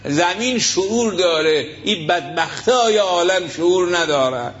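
A man's voice: high voice, expressive, fairly bright tone, slight background noise. A man preaching a sermon, emphatic, asking rhetorical questions and retelling stories with acted quotes. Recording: lo-fi muffled recording.

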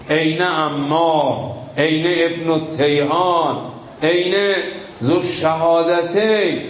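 A man preaching a sermon to a gathered audience, telling a story with emotional swings, dramatic pauses and sudden rises. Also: sits high. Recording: echoey room, dull lo-fi sound, faint noise.

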